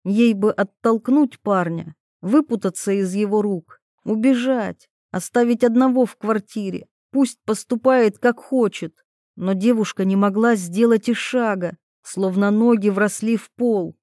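A woman reading a novel aloud as narrator, with steady, even storytelling. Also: mid-range voice, unhurried, dry recording, studio quality. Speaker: audiobook narrator. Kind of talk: scripted narration.

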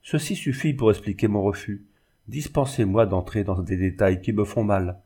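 A man's voice: fairly low pitch, normal speed, dark tone, slightly rough. A man voicing a proud, resolute young woman in an audiobook reading, speaking with fervent firmness. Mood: grave. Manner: fervent, pleading, firm.

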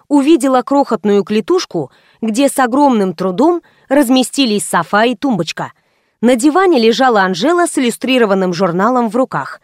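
A woman narrating a first-person detective story in a lively, wry storytelling manner, close to the mic. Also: fairly high pitch, dry recording. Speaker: audiobook narrator.

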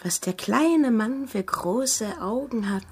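A woman's voice: lively intonation, slow, a little mellow, husky, full character voice. A coy, teasing, mercenary woman. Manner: teasing, coy, turns shrill. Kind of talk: radio play acting.

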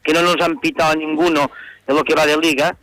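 A man's voice: a little high, flat delivery, brisk, fairly bright tone, poor audio. A man talking as a football pundit on a radio show, indignant and repeating himself as he rants about a match. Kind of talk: heated sports radio debate.

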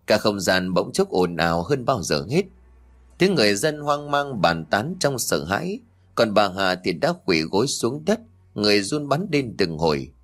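Low-voiced man narrating a ghost story. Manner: dramatic, lively storytelling.

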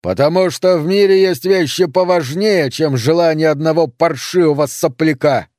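A man's voice: fairly high pitch, normal speed, darkish tone, dry recording, clean studio sound, voice pushed up, lightly acted. A man voicing a furious old farmer father. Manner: barking, scornful.

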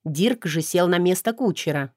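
A woman narrating a first-person audiobook in a smooth, even storytelling manner. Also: fairly low pitch, normal speed, no echo, clean studio sound.

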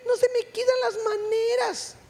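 A woman voicing an effeminate young man with a dainty high voice who whines and pleads in a mincing way. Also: level tone, a little slow, creaky, a little mellow, exaggerated voice. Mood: pleading. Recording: reverberant church hall.

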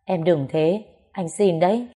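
A man's voice: sits high, a little slow, slightly rough. A woman voicing a pleading young husband. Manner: begging, soft and pleading.

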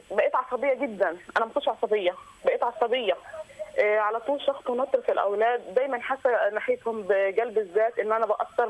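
A tired woman caller with an Egyptian accent rushes through her words at a breakneck pace. She sounds distressed and hesitant, with constant fillers and restarts. Her voice sits a little high. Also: lo-fi sound. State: weary and distressed. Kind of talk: call-in confession.

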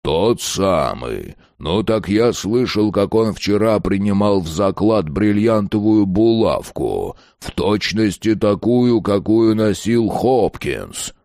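A man voicing a crude, brutal ex-convict who talks in a gruff growl. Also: fairly low pitch, animated, slow, few pauses, warm tone, no echo, clean studio sound. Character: rough thuggish male ex-convict, crude and brutal.

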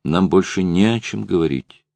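A man reading the lines of a proud young woman in love, in a soft, subdued voice. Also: low voice, moderate pace, creaky, dry recording. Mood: resolute.

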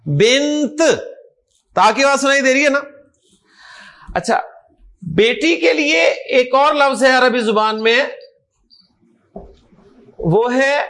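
Man, Urdu-speaking teacher, fairly high voice, repeats key words, quizzes listeners. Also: sharp tone. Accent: Pakistani Urdu. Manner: repeats words, checks understanding with questions. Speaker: Arabic grammar teacher. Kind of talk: classroom lesson, explaining and quizzing.

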